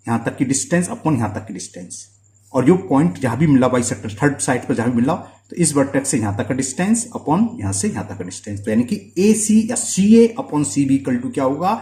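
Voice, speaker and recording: A man's voice: mid-range voice, expressive, warm tone, echoey room. A man teaching a school maths lesson at the board, often stopping to ask if students follow. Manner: checks understanding often with quick questions.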